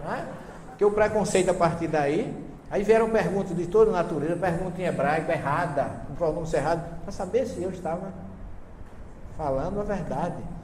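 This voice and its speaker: Man, Northeastern Brazilian accent, seminar lecturer, higher-pitched voice, joking and telling anecdotes, recorded in an echoey hall. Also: brisk, darkish tone. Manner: humorous storytelling, asks the audience questions. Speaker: seminar lecturer on Bible translations. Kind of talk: lively seminar talk with anecdotes. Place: lecture hall before an audience. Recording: echoey hall with long reverb, faint hiss.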